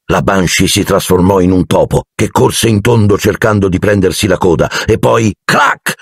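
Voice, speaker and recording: A man narrating an audiobook dramatically, with an animated delivery and voicing each character. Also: low-pitched, creaky, husky, no room sound, clean studio sound.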